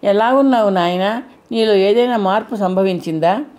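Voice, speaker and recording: Woman reading gentle kindly wind god, male, wise, measured and calm, storybook voice. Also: medium pitch, close to an everyday voice.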